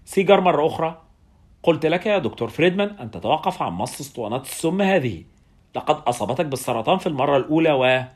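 A man voicing a brusque, hot-tempered male hospital director in a storybook reading, with a husky voice. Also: a little high, animated, very fast. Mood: scolding. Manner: shouting then suddenly apologetic.

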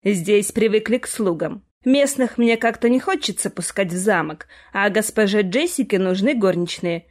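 A woman's voice: medium pitch, lively intonation, normal speed, few pauses, a little mellow, lightly acted. A woman reading an audiobook, voicing an awkward, gloomy young prince who apologizes and explains. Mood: explaining. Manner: embarrassed, apologetic, easily angered.

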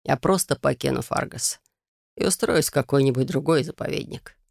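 Reader plays a calm, wary male mentor-mage, low gravelly tone, dry close sound. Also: moderate pace, no room sound. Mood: gentle. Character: kind male magister mentor, gentle and wary.

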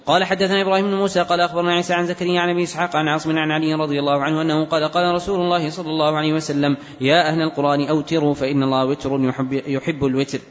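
A male student reads hadith text to his teacher at great speed and never breaks the flow of the narrator chains. His voice is slightly high. A long hall reverb surrounds him, and the sound is dull. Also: little pitch movement. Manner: brisk, unbroken recitation of narrator chains. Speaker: student reader. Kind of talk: rapid reading of hadith text.

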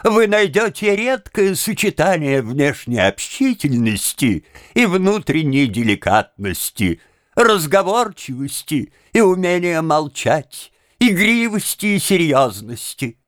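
A man's voice: sits high, very animated, slow pace, no echo, clean studio sound, voice pushed up, full character voice. A man voicing a chatty, smug jailer who boasts and talks down as if to a child. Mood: cloying. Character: chatty, smug, cloying male jailer-executioner.

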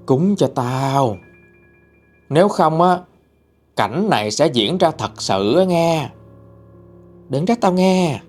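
A man's voice: on the high side, very animated, takes it slowly, pauses often, a little mellow, faint music behind, voice pushed up, full character voice. A man voicing a spiteful old female ghost who threatens and demands offerings in a spoken ghost story. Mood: ominous. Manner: menacing, threatening.

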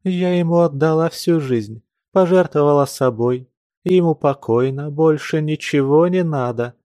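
A man's voice: a little high, unhurried, warm tone, no echo, clean studio sound, pitched above the performer's own voice, natural voice. A man voicing a passionate, distraught woman who pleads and cries out in anguish. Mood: bitter.

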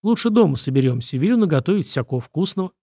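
A man's voice: fairly high pitch, big pitch swings, fast talker, dark tone, husky, no echo, clean studio sound, exaggerated voice. A man reading the part of a young wife who teases and frets, voice lifted slightly. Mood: teasing. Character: young woman, wife, teasing and fretful.

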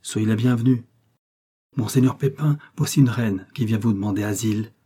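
A man's voice: on the low side, moderate pace, mellow, breathy edge. A man reading aloud, voicing a proud, jealous exiled queen who speaks brusquely and haughtily. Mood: cold.

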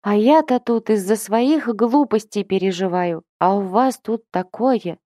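A woman voicing a soft-hearted female demon who speaks in a hushed whisper. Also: mid-range voice, measured pace, no room sound, studio quality, pitched above the performer's own voice, natural voice.

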